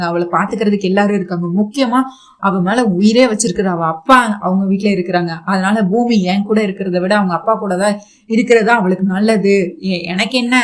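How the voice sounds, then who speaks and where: A woman voicing a grieving young man who tries to send his wife away, in a fast, self-pitying retelling. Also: medium pitch, natural voice.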